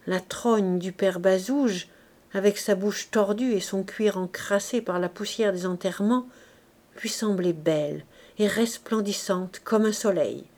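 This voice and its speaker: A woman narrating a classic novel as an audiobook reader, in a measured storytelling manner. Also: mid-range voice, a little mellow.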